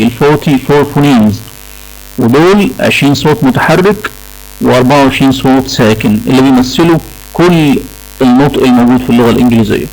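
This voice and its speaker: A man's voice: mid-range voice, darkish tone, rough recording. A man with an Egyptian Arabic accent lecturing a class on English pronunciation, repeating key points and checking in with the students. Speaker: English teacher.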